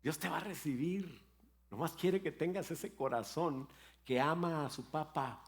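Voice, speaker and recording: A man's voice: fairly high pitch, unhurried. An older man, a pastor, preaching a sermon in a storytelling way with playful asides about his grandchildren.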